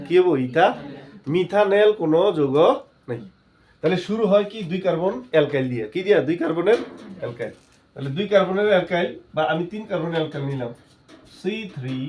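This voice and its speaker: A man teaches a chemistry class. His voice sits fairly high, and he keeps asking the students questions and answering them himself. Faint noise hums behind him. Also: a little mellow. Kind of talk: classroom lesson.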